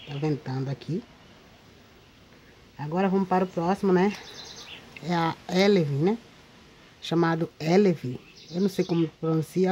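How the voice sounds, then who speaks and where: Woman, Brazilian Portuguese accent, mellow tone, chatty show-and-tell, faint outdoor ambience. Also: low-pitched, a little hiss or hum. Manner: chatty, addresses viewers often with tag questions. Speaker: paper craft video maker. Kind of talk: casual show-and-tell vlog. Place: outdoors in a windy spot.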